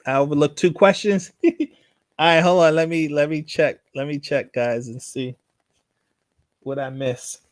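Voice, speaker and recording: Guy hosting a live stream, kinda high voice, dry sound, stumbles and repeats a lot. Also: fairly even intonation, dry recording. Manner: halting, repeats words, chants invocations slowly. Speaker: host of a live religious show. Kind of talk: live-stream teaching and answering viewer questions.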